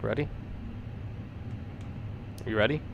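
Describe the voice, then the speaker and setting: A man's voice: slow pace, gravelly, dull audio. A man working as an airline pilot, giving cockpit checklist callouts and radio calls. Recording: noisy cockpit with engine rumble.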